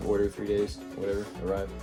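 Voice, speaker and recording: A young man talking through a casual unboxing vlog, excitable and rambling with many fillers. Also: on the low side, fast talker, music in the background. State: swollen lip. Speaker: vlogger.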